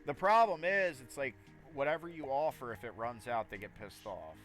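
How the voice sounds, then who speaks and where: A man's voice: mid-range voice, animated, moderate pace, a bit bright, soft background music. A man giving casual, rambling live commentary as he plays a game, often talking to himself. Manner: rambling, talks to himself while playing. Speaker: gaming streamer.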